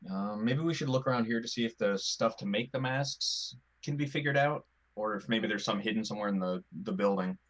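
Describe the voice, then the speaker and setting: A man with a fairly low voice joins a tabletop role-playing session. He talks casually and makes practical suggestions to the group. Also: brisk, few pauses, a bit bright. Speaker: player.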